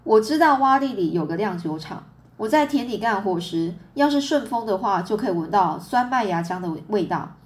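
A woman voicing a calm, amused farmer father. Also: medium pitch, moderate pace, close to an everyday voice.

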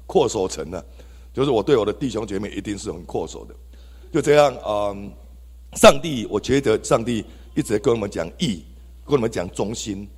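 Husky, animated Taiwanese man testifying. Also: lowish voice. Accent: Taiwanese Mandarin. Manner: animated, exclamatory, addresses the congregation. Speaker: church member giving testimony. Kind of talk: testimony sermon. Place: church hall. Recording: reverberant church hall.

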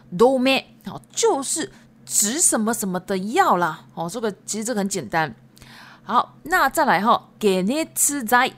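A woman teaching Japanese vocabulary on a podcast, patiently repeating each word slowly and filling pauses with little prompts. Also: a little high. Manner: patient, repeats words slowly, many fillers.

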